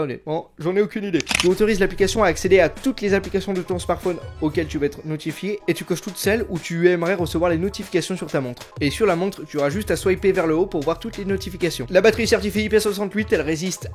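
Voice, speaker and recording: High-voiced joking French man reviewing gadgets. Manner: jokey, crude, sarcastic asides. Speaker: tech reviewer. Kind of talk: comedic product review vlog.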